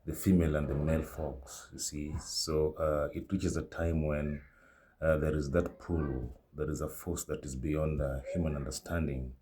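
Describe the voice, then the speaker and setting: A man with an extremely low, dark voice delivers a reflective monologue. He pauses often, filling the gaps with drawn-out "uh"s as he searches for words. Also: flat delivery, a little hiss or hum. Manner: slow, halting, with many fillers. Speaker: commentator.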